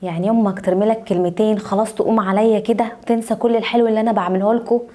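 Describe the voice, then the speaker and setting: A woman's voice: mid-range voice, steady tone, racing, dark tone, close to an everyday voice. A woman playing a spiteful young Egyptian wife. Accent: Egyptian Arabic. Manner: bitter muttered threats. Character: spiteful young wife, sharp-tongued and vengeful.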